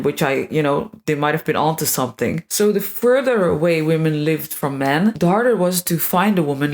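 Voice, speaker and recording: Woman, slightly low voice, sarcastic vlogger with a crude, irreverent edge. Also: darkish tone. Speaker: video creator. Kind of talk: scripted monologue.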